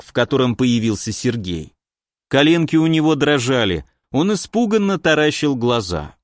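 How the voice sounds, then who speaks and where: A man narrates a fantasy audiobook in a steady, even way. His pitch sits in the middle range. The recording is dry and close, with no room sound. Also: no echo.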